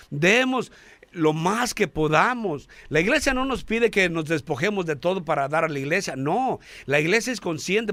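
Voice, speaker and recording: A man giving an earnest radio sermon, calling listeners brothers, halting now and then with fillers and restarts. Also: sits high, fairly bright tone, no room sound. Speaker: radio preacher.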